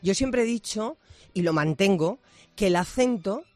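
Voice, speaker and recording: A man who teaches diction, asking earnest, measured questions on a radio panel. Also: high voice, lively intonation, darkish tone, no room sound.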